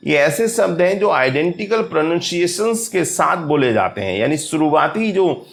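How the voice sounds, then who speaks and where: A man teaching literary terms to exam students, often calling his viewers friends and reading English definitions out slowly. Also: fairly high pitch, very animated, gravelly.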